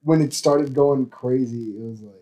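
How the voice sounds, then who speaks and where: A man's voice: medium pitch, moderate pace, dark tone, poor audio. A young man co-hosting a casual podcast chat, teasing the others and laughing often. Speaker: podcast co-host.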